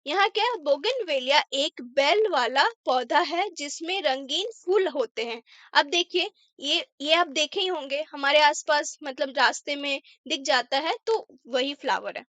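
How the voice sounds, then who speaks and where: High bright-voiced woman teaching English. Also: dry recording. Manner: repeats words, slow careful English example sentences. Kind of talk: casual Hindi vocabulary lesson.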